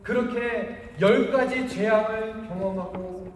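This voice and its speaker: A man's voice: high-pitched, slow pace, slight background noise. A male pastor preaching a sermon, telling the story with animation and acting out the quoted speech. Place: church sanctuary. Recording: echoey hall, voice from far off.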